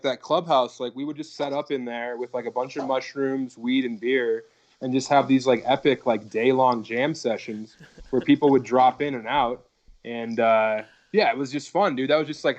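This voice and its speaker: A man's voice: medium pitch, steady tone, normal speed. Rambling, profane guest comedian, a man. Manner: rambling and profane, leans on "like" and "dude". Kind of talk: casual podcast chat.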